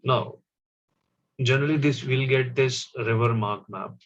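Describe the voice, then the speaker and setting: A man teaching a class, explaining step by step and often pausing with fillers. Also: mid-range voice. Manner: slow, stop-start explaining with fillers. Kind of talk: classroom map lesson. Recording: dull, slightly lo-fi audio.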